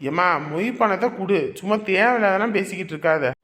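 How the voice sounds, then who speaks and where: A man's voice: high-pitched, fast talker, a bit bright. A young actor playing a village son who insistently presses his mother for money in a rural family drama. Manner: insistent, exasperated pleading. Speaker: son arranging family feast.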